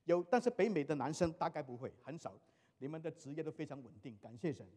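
A middle-aged male pastor preaching, telling animated stories from family life and mixing in English phrases. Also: on the high side, fast talker. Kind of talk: sermon. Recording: long hall reverb.

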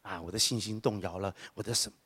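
A man's voice: quick pace, husky. A man preaching a sermon, joking with the congregation and acting out the voices of the people he quotes. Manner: lively, acts out quoted voices with big pitch jumps; humorous asides with laughter.

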